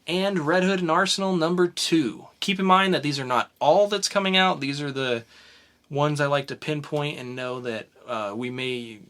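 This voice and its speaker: A man's voice: a little high, normal speed, fairly bright tone, clear, resonant tone. A man co-hosting a casual comics podcast, chatting in an upbeat way as he runs through a list of upcoming releases. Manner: listing items in a chatty, upbeat way. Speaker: podcast co-host.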